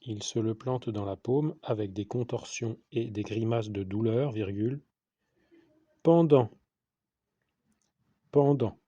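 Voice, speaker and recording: A man's voice: fairly low pitch, fairly even intonation, moderate pace, hardly any pauses, mellow, dry recording, highs cut off. A man with a French accent reading a dictation to schoolchildren, repeating each phrase and saying the punctuation aloud. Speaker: teacher giving a dictation.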